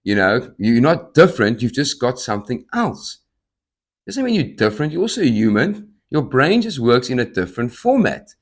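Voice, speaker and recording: A man's voice: mid-range voice, sing-song, moderate pace. A man in his thirties hosting a podcast, telling personal stories, jumping from one topic to another and acting out quoted conversations, with tics breaking into his speech now and then. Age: 30s. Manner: jumps between topics, acts out quoted dialogue; tics and sudden outbursts mid-speech. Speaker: podcast host. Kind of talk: personal storytelling monologue.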